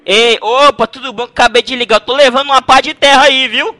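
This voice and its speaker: A man's voice: very high-pitched, steady tone, a little fast, sharp tone, dry recording. A man making a prank phone call, teasing the person on the line in a playful, mock-innocent way. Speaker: prank caller.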